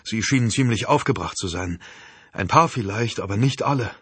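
A man voicing a tough, commanding young woman fighter, pitching his voice up for her. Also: normal speed, slightly rough, no room sound. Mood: tense, serious. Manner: raised, urgent shouting in a pitched-up voice.

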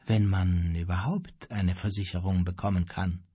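A man voicing a soft, husky old sea pilot. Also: sits low, steady tone, dry recording, voice pushed down. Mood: calm, gentle. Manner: soft-spoken, quiet and unhurried. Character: calm, gentle old male sea pilot.

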